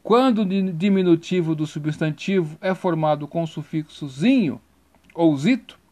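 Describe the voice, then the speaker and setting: A man's voice: fairly high pitch, lively intonation, normal speed, a little mellow. A man teaching a grammar lesson, spelling out letters and repeating each rule.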